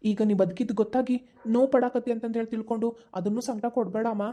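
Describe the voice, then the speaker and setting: A woman's voice: on the high side, fairly even intonation, dark tone, natural voice. A woman voicing an earnest, determined young man in a cartoon, with a North Karnataka Kannada accent. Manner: pleading, determined, talks fast. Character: earnest young man, devoted son and brother. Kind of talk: cartoon voice acting.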